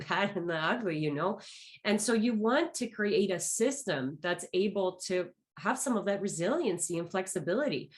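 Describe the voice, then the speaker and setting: A woman naturopathic doctor as an interview guest, easygoing and chatty, laughing now and then. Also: fairly low pitch. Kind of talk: casual conversational interview.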